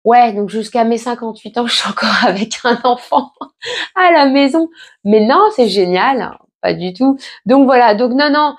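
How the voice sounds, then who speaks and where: Here a vlogger in her thirties, pregnant and nearing forty, takes questions from viewers in easygoing, soothing conversation peppered with fillers and false starts. Her fairly high voice is expressive and moves at a moderate pace.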